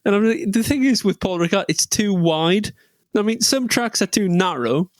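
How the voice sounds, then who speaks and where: A man's voice: high voice, animated, normal speed, dry recording. A man co-hosting a podcast in casual chat, rambling and jokey, with plenty of tangents and restarts. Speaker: podcast co-host.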